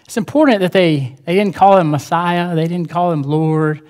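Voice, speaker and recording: High-voiced earnest preaching man. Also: normal speed, darkish tone. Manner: earnest, emphatic, repeats key phrases. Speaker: pastor. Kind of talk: sermon. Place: church.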